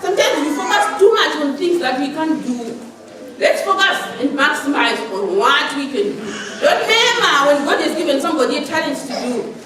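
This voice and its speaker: A woman preaching a sermon in a church hall, animated and laughing often as she talks. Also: high voice, moderate pace, noisy background. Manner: animated, laughing often, acting out shouted commands. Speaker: lay preacher. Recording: echoey church hall, mic far off, congregation audible.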